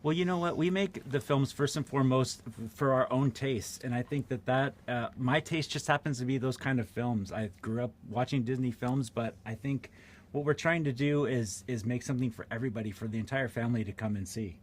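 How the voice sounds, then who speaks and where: A man's voice: mid-range voice, fairly quick, slight background noise. A man film director answering interview questions in an enthusiastic, candid way.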